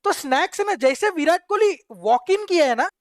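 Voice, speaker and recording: A young man with a Mumbai Hindi accent, a live streamer excitedly telling his chat a slangy, animated story. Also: very high voice, fairly quick, dry recording, clean studio sound.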